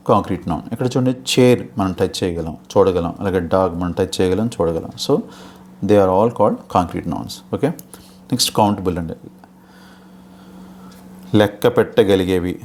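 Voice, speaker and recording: A man's voice: sits low, a little mellow, a little hiss or hum. A man with a Telugu accent teaching English grammar for a teacher exam, explaining patiently and often checking in with "okay?". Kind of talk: exam-prep lecture in Telugu with English terms.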